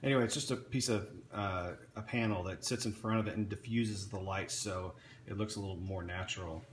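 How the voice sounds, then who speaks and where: Talking fairly quickly in a lowish voice with fairly even intonation, a man shows off his homemade electronics kit. His unscripted talk rambles, full of fillers and restarts, and the room is echoey with faint background noise.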